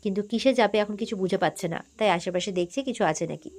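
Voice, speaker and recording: A woman's voice: medium pitch, quick pace, a little mellow. A woman host giving a casual, chatty recap of a TV serial episode, talking through it with everyday fillers.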